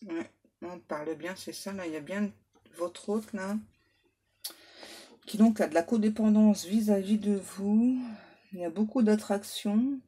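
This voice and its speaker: A woman medium giving a relaxed tarot reading to her viewers, reassuring them and tacking little asides onto her sentences. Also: mid-range voice, husky. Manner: unhurried, reassuring, full of little "hein" and "ouais" asides; reads English card names aloud. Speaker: medium doing card readings.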